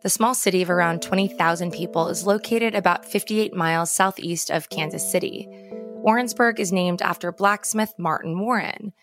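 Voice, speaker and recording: A woman's voice: fairly low pitch, normal speed. An American woman co-hosting a podcast, reading scripted narration as a true crime narrator. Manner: true crime narrator, posing dramatic questions. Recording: music behind the voice.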